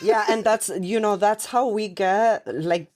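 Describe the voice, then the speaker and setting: A woman's voice: medium pitch, unhurried, darkish tone. Laughing woman guest from Miami. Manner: laughs often, repeats words. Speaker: guest entrepreneur. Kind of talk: casual interview.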